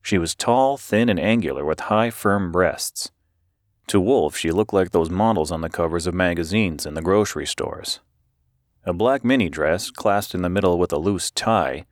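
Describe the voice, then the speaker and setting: Deep low male narrator, steady measured audiobook reading, dry close mic. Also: dry recording. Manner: steady, measured, voices the characters.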